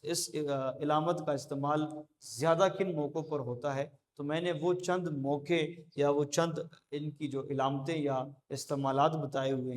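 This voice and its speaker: A man giving a classroom lecture at a board, explaining slowly with frequent pauses and fillers. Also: fairly high pitch. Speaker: teacher. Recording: long hall reverb.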